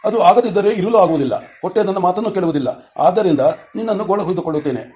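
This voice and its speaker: A man's voice: high voice, expressive, quick pace, dark tone. A man reading the part of a wise, earnest little boy who reasons with his mother in a storybook.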